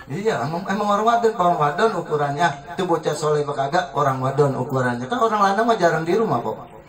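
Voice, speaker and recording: Man, Betawi accent, humorous preacher, acts out dialogue, loud crowd behind. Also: a little high, animated, quick pace. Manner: joking storytelling, acts out quoted dialogue. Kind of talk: humorous sermon at a family celebration. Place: community gathering, crowd around. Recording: echoey, distant mic, loud crowd.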